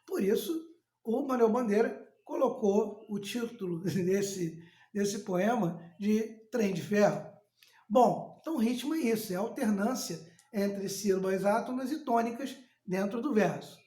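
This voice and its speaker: A male teacher explains at a slow, deliberate pace. He repeats words and restarts as he works through each point. The room gives his voice a noticeable echo. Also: high-pitched, lively intonation, dark tone. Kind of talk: recorded classroom lesson. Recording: echoey room.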